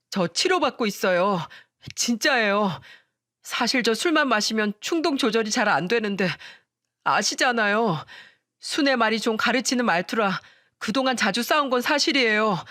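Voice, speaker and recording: A woman's voice: fairly high pitch, animated, moderate pace, a bit bright, no echo, clean studio sound. A woman voicing a remorseful younger man who begs and makes excuses in a storytelling video. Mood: pleading. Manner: begging, excuse-making.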